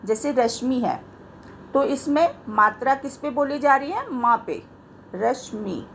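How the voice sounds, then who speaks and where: A woman's voice: high-pitched, measured pace, a little hiss or hum. A woman teaching a Hindi grammar lesson, explaining patiently and pointing to words she has marked.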